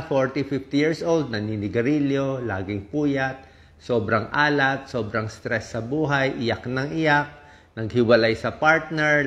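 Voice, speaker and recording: A man's voice: mid-range voice, a bit bright. A Filipino man, a doctor, giving health advice in a plain talk. He explains step by step, often checks in with "okay?", and sometimes acts out what his patients tell him.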